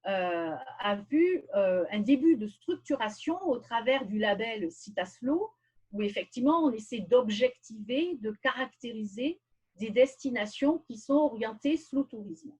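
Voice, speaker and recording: A woman speaking on a video call, presenting a webinar in a measured, explanatory lecture style with frequent pauses. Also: fairly high pitch, a little mellow, husky, rough recording.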